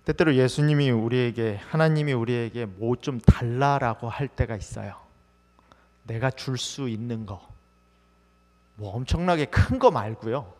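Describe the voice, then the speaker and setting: Animated and a little mellow, this male pastor speaks at a moderate pace and medium pitch. He preaches conversationally in the sanctuary, asking his congregation question after question, with long hall reverb around him.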